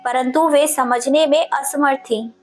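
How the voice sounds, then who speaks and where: High-voiced woman narrating a story. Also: fairly even intonation, a little slow, soft background music. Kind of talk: scripted narration.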